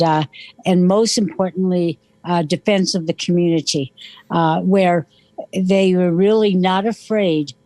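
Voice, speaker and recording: Halting woman guest, lots of fillers. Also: fairly low pitch, a little mellow, no echo. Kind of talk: radio interview.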